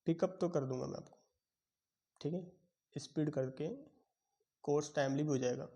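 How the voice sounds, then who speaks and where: A man's voice: on the high side, fairly even intonation, normal speed, warm tone, muffled recording. A young man teaching a commerce lecture, quizzing students and acting out their answers in Hinglish. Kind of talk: classroom lecture.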